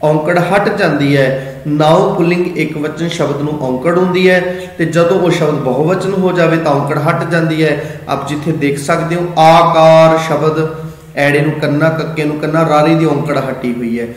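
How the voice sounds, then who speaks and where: A man's voice: a little high, steady tone. Man teaching scripture in an echoey hall. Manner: patient, repeats words slowly and chants verse lines. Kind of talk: explaining scripture meaning and pronunciation.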